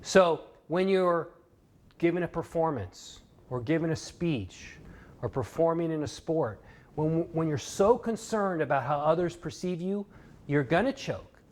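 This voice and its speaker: A man's voice: a little high, lively intonation, unhurried, darkish tone. A man giving a motivational course lecture, telling a fable in an earnest, emphatic storytelling way. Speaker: motivational speaker.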